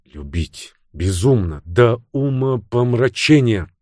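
A man's voice: mid-range voice, big pitch swings, slow pace, a little mellow, dry recording, studio quality, voice pushed up. A man voicing a brooding young male investigator in an audiobook, speaking curtly and earnestly.

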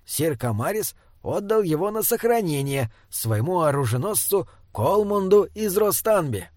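A man's voice: high-pitched, very animated, measured pace, darkish tone, no echo, studio quality, voice pushed up. A man voicing a small, cranky old male jester who tells tales in a grumbling way. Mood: musing. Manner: grumbling, irritable storyteller.

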